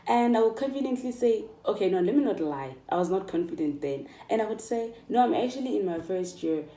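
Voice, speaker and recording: A South African vlogger in her mid-twenties has a casual motivational chat with viewers, speaking emphatically, encouraging them and repeating phrases for stress. Her medium-pitched voice is warm, animated and fairly quick, recorded in an echoey room from a distant microphone.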